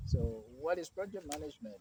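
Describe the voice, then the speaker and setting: A Liberian man with a Liberian English accent hosting a live educational program, asking his guest questions in a deliberate, emphatic manner. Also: a little high, expressive, heavy background noise. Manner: slow, emphatic announcer delivery, then conversational questioning. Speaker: host. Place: Kenyan university campus.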